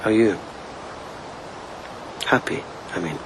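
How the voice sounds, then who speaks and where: In a radio drama, a male actor with a lowish voice plays a gentle, wry, devoted police lieutenant, speaking softly with measured intimacy. His mood is happy and teasing, with background noise present.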